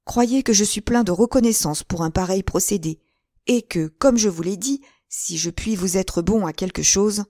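A woman reading aloud and voicing a young hot-headed male musketeer, eager and quick to exclaim. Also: medium pitch, no room sound, studio quality, close to an everyday voice. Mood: courteous. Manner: eager, rising to excited exclamations.

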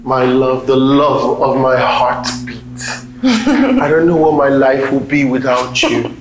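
Soft-spoken loving husband, slow and easy, roomy echo, bit of hiss. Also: male voice, on the high side, animated. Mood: tender. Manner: soft and affectionate. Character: tender, doting young husband. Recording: roomy echo with faint noise.

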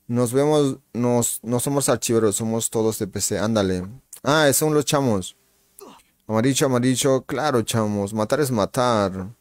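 A man's voice: medium pitch, normal speed, no room sound, studio quality. A man live-streaming a shooter game, chatting casually with viewers, greeting them by name and reacting to the match with slangy exclamations. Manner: relaxed, slangy banter with frequent exclamations.

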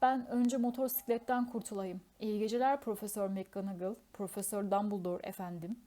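A woman voicing a huge, gentle male giant who speaks earnestly and grows loud and tearful, in a storybook reading. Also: medium pitch, fairly even intonation, brisk, close to an everyday voice.

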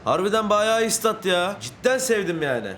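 A young man hosting a gaming channel, giving live commentary on his own football match and getting worked up, shouting and swearing at the players. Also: high voice, normal speed, soft background music. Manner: excitable, shouts and swears at the game.

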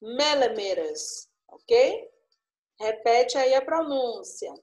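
A woman's voice: a little high, expressive, unhurried, reverberant. A woman teaching an English lesson, explaining patiently and checking in with frequent little questions. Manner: coaxing, frequent tag questions. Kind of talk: online class explanation.

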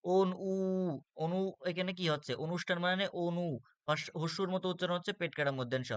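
Bangladeshi guy teaching spelling for exams, kinda high voice, says ah a lot, repeats stuff. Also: quick pace, a bit bright, smooth, dry recording. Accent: Bangladeshi Bengali. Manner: explains step by step, repeats words, frequent "ah" fillers. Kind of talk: spelling lesson for exam students.

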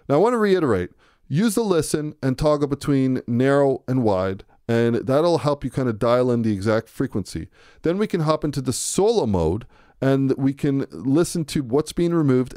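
Mellow-voiced man explaining studio software. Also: medium pitch, no room sound. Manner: relaxed, conversational, thinking aloud. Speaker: music production tutor. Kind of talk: screen-recorded software tutorial. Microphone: close to a studio microphone.

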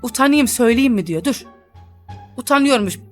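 A woman's voice: on the high side, animated, moderate pace, soft background music. A young woman chatting and teasing through a role-play game, laughing often as she comments. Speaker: gaming YouTuber.

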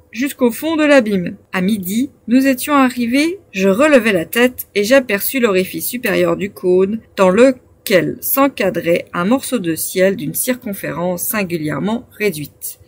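A woman reading a classic adventure novel aloud as an audiobook narrator, in a measured, phrase-by-phrase delivery. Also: a little high, dry recording. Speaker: audiobook reader.

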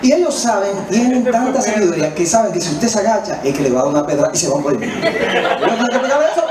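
A Dominican man doing live stand-up comedy on a small theater stage with a handheld mic, animated and slangy, slipping into voices. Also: high-pitched, fast talker, far from the mic, a loud crowd. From Dominican Republic. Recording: echoey hall, mic heard from afar, loud noise.

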